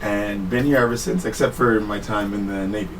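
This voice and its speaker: A man in his thirties, born in Trinidad and Tobago, telling his life story as a guest in a studio interview, relaxed and laughing easily. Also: on the low side, fairly quick. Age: 30s. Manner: relaxed, laughs often, self-correcting. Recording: distant mic with faint room noise.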